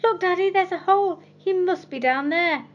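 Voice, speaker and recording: Woman doing an eager little boy, high and urgent. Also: moderate pace, a little mellow, highs cut off, lightly acted. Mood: excited.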